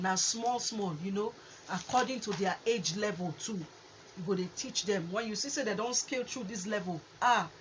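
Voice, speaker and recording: A woman with a Nigerian accent hosting a conversational advice talk in Nigerian Pidgin, with an animated way of explaining things. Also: medium pitch. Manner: animated, acts out example exchanges. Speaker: host. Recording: muffled lo-fi audio with faint noise.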